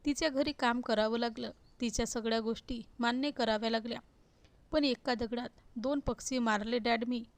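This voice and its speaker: A woman's voice: on the high side, fairly even intonation, moderate pace, dry recording, close to an everyday voice. A woman reading the lines of a cruel, arrogant young husband who talks scornfully and gives orders. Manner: scornful, commanding.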